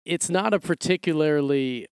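A man's voice: fairly high pitch, moderate pace, smooth, dry recording, clean studio sound. An American man from Milwaukee hosting a podcast, partly narrating from a script and partly chatting with his co-host. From Milwaukee, Wisconsin, USA.

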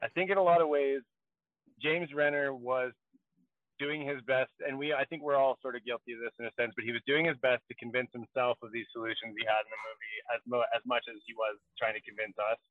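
A man's voice: medium pitch, steady tone, a little fast, no room sound. A man co-hosting a podcast in casual chat, rambling along with lots of fillers. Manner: rambling, heavy on fillers like "you know". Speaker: podcast co-host. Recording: tinny, dry call audio.

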